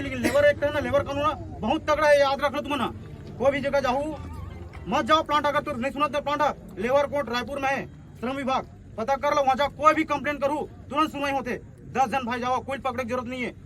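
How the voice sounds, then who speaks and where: A man with a Chhattisgarhi accent giving a forceful protest speech outdoors as an activist coordinator, asking rhetorical questions and repeating his points. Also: very high-pitched, slight background noise.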